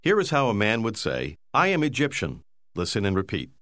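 A man narrating a language course, giving slow, clear, measured prompts. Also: lowish voice, wildly swooping pitch, a bit bright, dry recording, clean studio sound. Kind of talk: scripted instructional narration.

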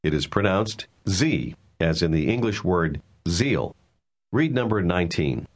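A man with a very deep, husky voice reads out a recorded language lesson. His intonation moves a lot as he explains pronunciation step by step in a measured, instructive way. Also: big pitch swings. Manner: measured, clear teaching delivery. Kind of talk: scripted instructional narration.

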